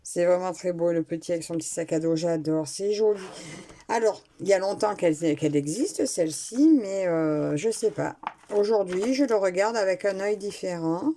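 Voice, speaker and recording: At home indoors, a craft vlogger chats casually while unboxing a craft kit, hesitating and restarting as she talks into a nearby camera mic. Her voice is on the low side and mellow, at a moderate pace, with slight background noise.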